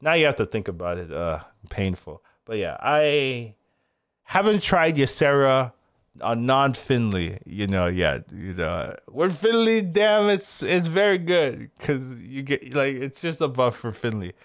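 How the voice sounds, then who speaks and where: A man in casual podcast chat about a card game patch, excitable and rambling, laughing often. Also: medium pitch, a little slow, dry recording, clean studio sound. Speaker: co-host discussing game patch.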